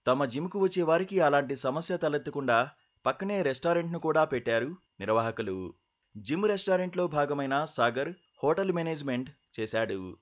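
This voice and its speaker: A man's voice: a little high, lively intonation, a little fast, dull audio. A man narrating a scripted news feature as voice-over.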